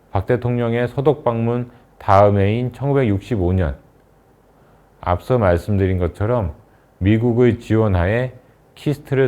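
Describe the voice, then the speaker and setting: A man giving a scripted university lecture in a measured, formal narrating manner. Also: lowish voice, warm tone. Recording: thin phone-like sound.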